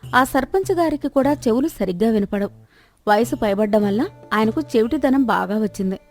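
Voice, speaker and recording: A woman narrating a folk tale in a calm, even storytelling manner. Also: a little high, brisk, faint music behind.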